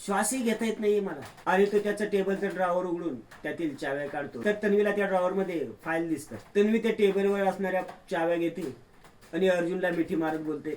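A man narrating an episode recap of a TV serial in steady storytelling. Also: sits high, fairly quick, recorded from a distance, slight background noise.

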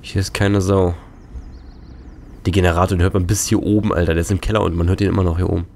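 A man's voice: deep voice, level tone, quick pace, vocal fry, darkish tone, a little hiss or hum. A young man, slightly congested, giving casual, slangy and jittery commentary as a scared horror game streamer. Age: young adult. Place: indoors at a gaming desk. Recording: game music behind the voice. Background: game music and sounds.

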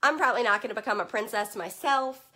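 Fast, bright and pushed, this fairly high female voice belongs to a chatty young Virginian whose voice is fading from allergies. She hosts and consults on children's books, talking casually and upbeat to a live group, dropping many "um"s and greeting viewers by name. The webcam at desk distance captures her in a home room with full bookshelves.

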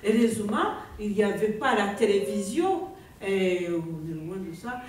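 A woman's voice: mid-range voice, lively intonation, unhurried, a little mellow. Rwandan-accented woman in an echoey room. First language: Kinyarwanda. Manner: hesitant, often searching for words. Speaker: author. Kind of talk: conversation at a book presentation. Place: bookshop event room. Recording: very echoey room, voice far from mic.

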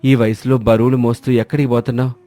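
A gentle old villager who lives alone, voiced by a man, talking in a mellow, warm tone. He is soothing and unhurried in manner, and he speaks as a storybook grandfather would. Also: mid-range voice, level tone, lightly acted. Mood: reassuring. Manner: gentle, reassuring. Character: lonely old village man, calm and kindly.

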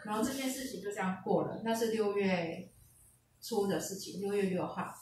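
A woman tells a personal story in a relaxed, chatty way, often acting out what others said. Her voice sits in a middle range. The sound is caught from a distance in a very reverberant lecture hall, with a faint hiss underneath. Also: medium pitch, normal speed. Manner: retells conversations, switching into quoted dialogue. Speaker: speaker sharing a personal testimony at a seminar. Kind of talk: casual storytelling testimony. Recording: echoey hall picked up from afar, faint hiss.

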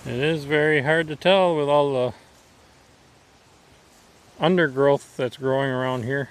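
A man's voice: mid-range voice, steady tone, a little slow. A man from Wisconsin vlogging casually while exploring a wooded preserve outdoors, thinking aloud in a folksy way. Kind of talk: casual walking vlog commentary.

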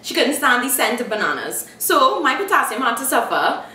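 A young woman, a university student, chatting casually in a teasing, expressive way. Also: sits high, fairly quick. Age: young adult. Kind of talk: casual chat. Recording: roomy, mic at a distance, faint hiss.

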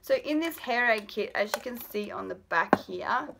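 A woman's voice: fairly high pitch, lively intonation, normal speed, gravelly, very noisy. An Australian woman in her late twenties chatting casually about a product haul in her bedroom, rambling with lots of ums. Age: late 20s. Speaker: vlogger. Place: bedroom at home. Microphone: built-in camera mic at arm's length.

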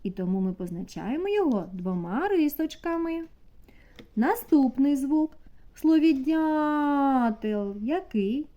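A woman teaching a preschool class, asking the children slow, sing-song questions. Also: sits high, big pitch swings, highs cut off. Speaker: kindergarten teacher. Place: kindergarten classroom.

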